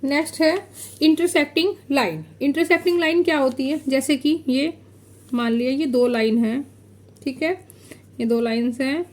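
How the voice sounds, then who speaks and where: A woman with a high voice teaches a maths class and explains each idea step by step as she draws. She keeps putting questions to the class and then answers them herself. When she gets to the key terms, she slows down and repeats them. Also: darkish tone. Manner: repeats key terms slowly while drawing on a board. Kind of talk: classroom lesson explaining geometry.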